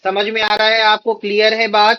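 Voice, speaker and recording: A male Arabic teacher leading a classroom lesson, saying each word slowly for students to repeat and then explaining it quickly. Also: high voice, monotone, lo-fi sound.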